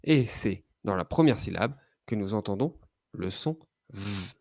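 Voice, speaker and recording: A man teaching a child to read, sounding out letters and syllables slowly and carefully. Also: lowish voice, expressive, creaky, darkish tone, no room sound, studio quality. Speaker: reading teacher. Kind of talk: children's phonics lesson.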